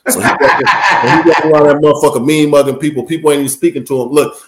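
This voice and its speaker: A man who once played pro basketball tells stories in a loose, profane, animated way and laughs often. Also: on the high side, fast talker. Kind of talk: casual storytelling. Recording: roomy echo.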